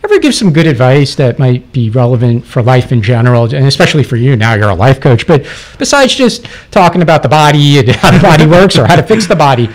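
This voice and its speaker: A man hosting a radio interview, asking questions in a halting way with many restarts. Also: mid-range voice, sing-song. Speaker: radio show host. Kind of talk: casual interview.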